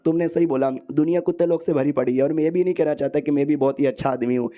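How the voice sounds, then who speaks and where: A man voicing an earnest young male hero who reasons calmly with a foe, in his own everyday voice. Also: on the high side, fast talker, muffled recording, close to an everyday voice.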